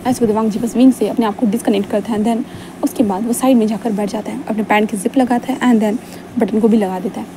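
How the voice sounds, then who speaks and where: A woman's voice: a little high, fairly even intonation, fast, noisy background. A woman casually narrating a fan fiction story in a chatty, informal way. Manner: chatty, informal, many restarts and fillers.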